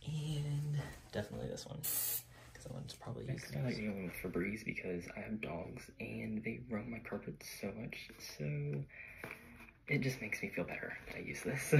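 Young guy vlogging in his bedroom on a phone, low gravelly voice, says like a lot. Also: expressive, moderate pace, background noise. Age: young adult. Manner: chatty, many "like" fillers. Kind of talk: casual vlog narration. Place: bedroom at home. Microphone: phone camera, moving around the room.

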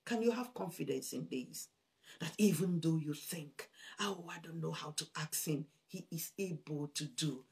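A woman's voice: deep voice, moderate pace, gravelly. A woman preaching a fervent sermon, reading scripture aloud, repeating phrases for emphasis and calling her listeners brethren. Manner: fervent, repeats phrases, swells loud on scripture, drops soft on asides.

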